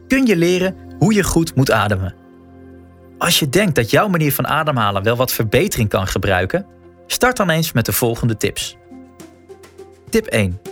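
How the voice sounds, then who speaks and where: A man's voice: medium pitch, a bit bright. A man narrating a scripted guided wellness walk as a coach, speaking informally and encouragingly straight to the listener.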